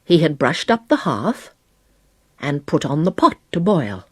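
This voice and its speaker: A woman narrating a children's storybook in a slow, lilting, lively way, with a husky, breathy voice. Her voice swings high and low, and the recording is dry and close. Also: no echo. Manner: slow, expressive, varied pitch. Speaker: storybook reader.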